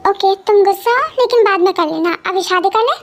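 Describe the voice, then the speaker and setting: A woman's voice: very high voice, fast talker. A woman voicing a possessive, teasing young husband in an amateur romantic audio drama, insistent and mixing in English words. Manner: pleading then insistent, mixes English words.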